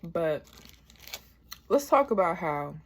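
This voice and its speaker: A woman's voice: fairly low pitch, big pitch swings, slow pace. An American woman in her twenties telling a casual, rambling, sweary complaint while eating, talking with her mouth full. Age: 20s. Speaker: vlogger.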